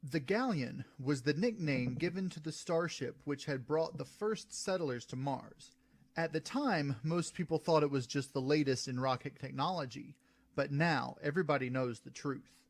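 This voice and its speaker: A man narrating his own science fiction story in a steady reading voice. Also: a little high, moderate pace. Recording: soft music behind.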